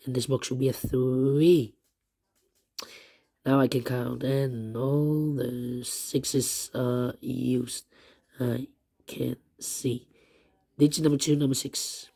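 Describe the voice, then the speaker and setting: A man who has partly lost his voice, walking through a puzzle step by step in halting, repetitive short phrases. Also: medium pitch, gravelly, mellow. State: lost voice, strained and troubled. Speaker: puzzle tutorial host. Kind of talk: step-by-step puzzle walkthrough, thinking aloud.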